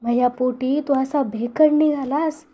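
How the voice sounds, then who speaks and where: A woman's voice: high voice, highs cut off. Woman playing a stern old village grandfather. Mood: stern scolding. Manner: slow, heavy scolding words.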